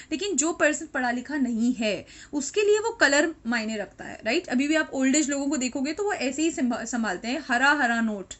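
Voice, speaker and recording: Indian woman teacher, high voice, explanatory lecture style mixing Hindi and English. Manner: explanatory, mixes Hindi and English, checks in with "right?". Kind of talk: classroom lecture.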